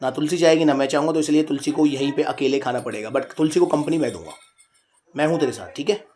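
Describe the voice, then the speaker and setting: Chatting to viewers at a quick pace, a father records a casual family vlog indoors at home in front of a heater. His voice is on the high side and a little mellow, and he talks playfully, teasing as he goes.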